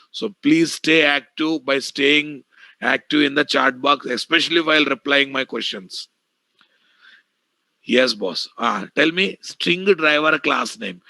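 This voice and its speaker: A man's voice: fairly high pitch, creaky, sharp tone, no room sound. A man with an Indian Telugu accent teaching a live online programming class, bluntly addressing students and repeating key phrases. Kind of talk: live online technical lecture.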